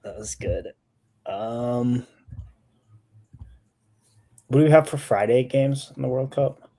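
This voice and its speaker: A man's voice: mid-range voice, takes it slowly, warm tone. A man co-hosting a betting show, thinking aloud while he checks stats. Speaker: sports betting show co-host. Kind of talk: casual betting talk.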